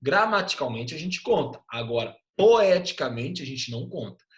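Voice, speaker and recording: A man teaching an online class in a lively way, often checking in with quick tag questions. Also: on the high side, roomy sound.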